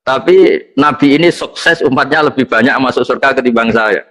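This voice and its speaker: A man preaching a sermon, reciting Arabic texts and explaining them slowly in plain talk. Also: mid-range voice, a bit bright. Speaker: Islamic preacher. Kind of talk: sermon with text reading.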